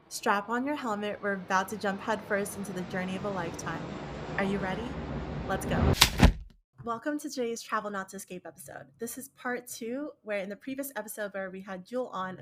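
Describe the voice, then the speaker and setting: Upbeat woman hosting a podcast. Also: mid-range voice. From Philippines. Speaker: podcast host. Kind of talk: scripted podcast intro.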